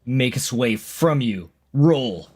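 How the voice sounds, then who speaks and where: A man running a tabletop role-playing game, narrating scenes in a dramatic, halting way. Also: mid-range voice, animated, a little mellow. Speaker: game master.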